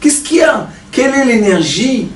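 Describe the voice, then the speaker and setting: A man, a rabbi, giving a Torah class to a live audience, telling stories and throwing rhetorical questions at the listeners in an animated way. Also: very high-pitched, moderate pace. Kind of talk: Torah lecture with storytelling. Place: study center hall with a mixed audience. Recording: echoey room, distant mic, faint noise.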